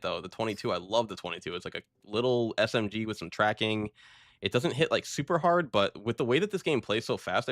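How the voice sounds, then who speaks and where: Low-voiced laid-back gaming streamer man. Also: creaky, a bit bright, no room sound, studio quality. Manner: laid-back, chatty, says "bro" and "dude" often. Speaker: game streamer. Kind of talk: casual gameplay commentary.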